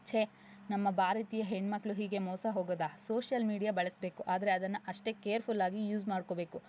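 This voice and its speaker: A woman voicing an earnest young man, a new employee at a company, who speaks in a calm, reassuring way. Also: mid-range voice, a little fast, slight background noise, lightly acted. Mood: disapproving. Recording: slightly dull lo-fi recording.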